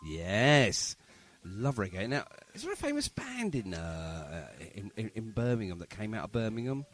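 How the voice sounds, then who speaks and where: A London podcast host with a London accent runs a casual, jokey interview chat, rambling a little and tossing in bantering asides. He sounds very animated, his pitch swooping around, at a moderate pace.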